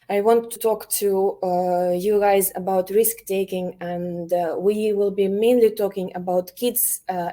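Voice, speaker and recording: An elementary teacher from Ukraine presents an online workshop over a video call, her speech full of pauses, fillers and restarts. Her voice is on the low side with a warm tone.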